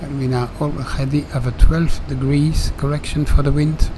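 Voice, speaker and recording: A man giving step-by-step flight commentary as a simulator pilot, pausing often in mid-sentence. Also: on the high side, background noise. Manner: halting, pauses mid-sentence. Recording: steady aircraft drone behind voice.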